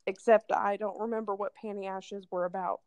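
A young married woman co-hosting a casual podcast, easygoing and quick to giggle. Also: medium pitch, level tone, a little mellow, no echo. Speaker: podcast co-host.

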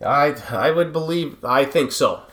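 A man's voice: a little high, measured pace, fairly bright tone. A man co-hosting a sports podcast, agreeing often and moving the talk along to the next segment. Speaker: podcast co-host. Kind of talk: casual sports chat.

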